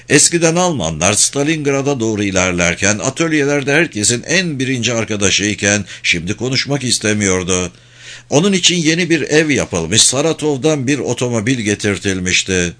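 A man narrating a novel as an audiobook, in a measured, steady reading voice. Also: mid-range voice.

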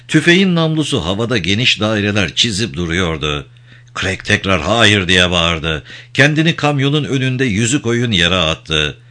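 A man reading a novel aloud as audiobook narration, with expressive delivery. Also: on the low side. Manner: expressive reading with dramatic quotes. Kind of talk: scripted storybook narration.

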